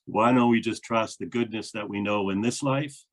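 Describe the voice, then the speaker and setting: A man's voice: on the low side, normal speed. A man, a minister, interviewing a guest in an earnest, thoughtful way with frequent fillers. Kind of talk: reflective conversation.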